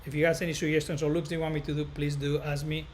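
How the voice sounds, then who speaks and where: A barber educator from northern Spain hosts a casual live stream for viewers, speaking with a Spanish accent in a fairly high voice with little pitch movement. He rambles haltingly, circling back and repeating phrases, with clear background noise behind him.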